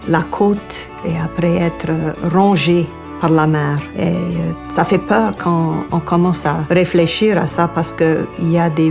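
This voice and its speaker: A woman from Louisiana with a Cajun French accent, speaking reflectively as a university coordinator in a documentary. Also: fairly low pitch. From Louisiana, United States. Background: fiddle music.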